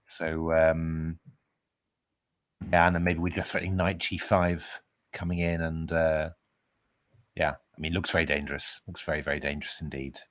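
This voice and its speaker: A man's voice: a bass voice, little pitch movement, moderate pace, long pauses, fairly bright tone. A man commentating live on a chess game in a casual way, hesitating with lots of fillers and restarts.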